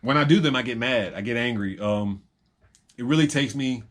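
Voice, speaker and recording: A man's voice: medium pitch, normal speed. Rambling, reflective man talking to camera. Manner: rambling, reflective, with filler ums; repeats phrases for emphasis. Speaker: vlogger. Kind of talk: unscripted personal monologue.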